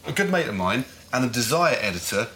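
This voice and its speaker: A man's voice: mid-range voice, very animated, fast talker, bright, forceful tone, a little hiss or hum, low-quality recording. An English man hosting a casual chat show in a jokey, rambling manner. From England. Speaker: host, cycling commentator.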